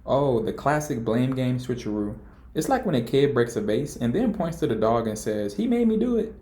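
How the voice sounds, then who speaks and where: A man narrates scripted political commentary at normal speed in a mellow, darker voice of ordinary pitch. He sounds indignant and emphatic, with a mocking edge.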